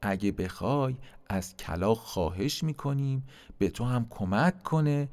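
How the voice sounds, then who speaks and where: A man's voice: mid-range voice, expressive, darkish tone, close to an everyday voice. A man voicing a kind apple in a storybook tale, friendly and reassuring. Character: kind helpful apple fruit.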